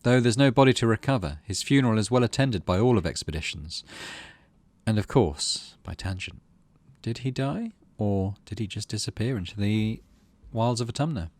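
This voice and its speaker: A man narrates story text from a video game with dramatic, storybook expressiveness, tossing in casual asides. His voice sits lowish, the pace is normal, and there's no echo.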